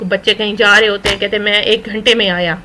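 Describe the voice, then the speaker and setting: A woman teaching an English lesson in Urdu, reading English phrases slowly and explaining each one. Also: mid-range voice, steady tone, bright, forceful tone, slight background noise, rough recording. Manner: mixes English words into Urdu. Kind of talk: recorded spoken English lesson.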